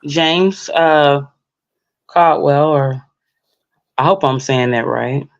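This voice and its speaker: A woman calling into a live stream chat, speaking hesitantly with many pauses and fillers. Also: low-pitched, creaky, highs cut off. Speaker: guest caller.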